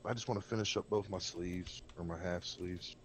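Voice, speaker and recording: Deep and steady, this man speaks at a moderate pace with a little hiss or hum in the audio. Co-hosting a game server, he chats bluntly and rambles on stream with a cigarette between his lips, using a desk mic near the keyboard.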